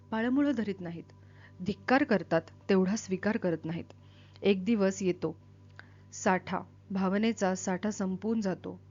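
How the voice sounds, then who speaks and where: A woman reading a literary novel aloud, narrating in a measured, steady way. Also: medium pitch. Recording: dull lo-fi with faint music.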